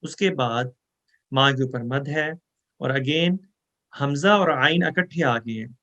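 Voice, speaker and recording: A man teaching Quran memorization, explaining pronunciation rules and reciting verses in a slow, drawn-out chant. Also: medium pitch, sharp tone, highs cut off. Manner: explains Urdu rules mixed with English words. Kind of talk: online recitation lesson.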